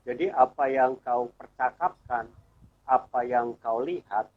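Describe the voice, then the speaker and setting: A middle-aged man with a husky voice tells his personal testimony in an earnest, storytelling way. He slips into the voices of remembered conversations. The sound is dull and lo-fi. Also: medium pitch, measured pace. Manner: earnest storyteller who acts out remembered dialogue. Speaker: church elder, guest speaker.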